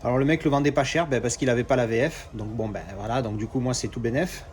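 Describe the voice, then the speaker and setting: A man's voice: mid-range voice, fast, a little mellow, soft background music. A man talks through an unboxing in a loose, chatty way. He hesitates often, restarts his sentences and swears casually as he goes. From Marseille, France. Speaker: collector doing unboxings.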